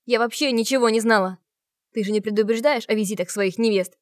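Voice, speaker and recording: Woman reading as a defiant sharp-tongued heroine. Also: medium pitch, fairly quick, no echo, studio quality, lightly acted. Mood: heated sarcastic. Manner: raised voice, sarcastic. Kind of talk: audiobook character reading.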